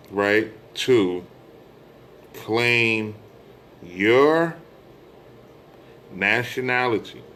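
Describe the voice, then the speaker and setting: A middle-aged American religious speaker reaches out to online followers in an informal monologue, his mid-range voice a bit bright. He stresses his words, repeats phrases and poses rhetorical questions.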